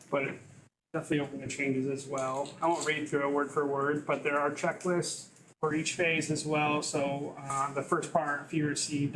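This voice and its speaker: Male board member, higher voice, monotone, casual checklist walkthrough. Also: noisy background. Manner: runs through a checklist in a casual, flat tone. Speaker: board member presenting a document. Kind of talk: public meeting presentation. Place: meeting room.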